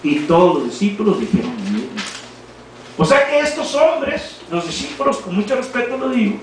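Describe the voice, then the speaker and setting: Male Mexican preacher, high pitch, exhorting the congregation, faint room noise. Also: very animated, normal speed. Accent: Mexican Spanish. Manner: preaching, swings from quiet reading to shouted exhortation. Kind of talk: church sermon with scripture reading. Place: church hall. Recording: very echoey hall from far off, faint noise.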